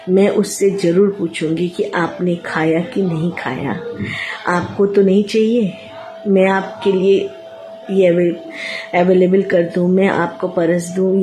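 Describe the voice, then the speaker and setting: धीमी, भावुक आवाज़ में बोलती महिला. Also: female voice, on the low side, warm tone. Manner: hesitant, many fillers and restarts. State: upset and emotional. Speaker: vlogger. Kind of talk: emotional talk to camera. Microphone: phone or camera facing her.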